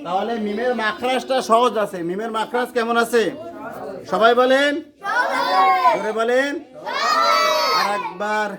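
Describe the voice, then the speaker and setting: A Quran teacher, slowly drilling a class on letter sounds and urging them to repeat louder. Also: medium pitch. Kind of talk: classroom lesson on letter pronunciation. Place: noisy classroom with students. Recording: noisy classroom with crowd chatter.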